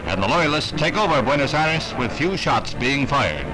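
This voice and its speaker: A man's voice: medium pitch, big pitch swings, moderate pace, poor audio. Man narrating an old newsreel. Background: loud music score.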